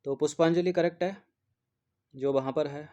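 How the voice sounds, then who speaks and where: Guy going through hindi spelling answers, says each word over and over, kinda high but mellow voice, muffled recording. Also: steady tone, moderate pace. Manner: repeats each word over and over and checks in with a constant "theek hai". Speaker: exam prep teacher. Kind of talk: spelling lesson, explaining answers. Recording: dull lo-fi recording.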